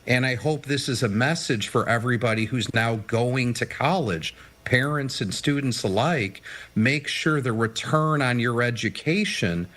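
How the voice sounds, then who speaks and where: A man's voice: mid-range voice, a little slow, few pauses, a bit bright. A man giving emphatic, upbeat financial advice as a guest in a TV news interview. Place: TV studio or remote video link.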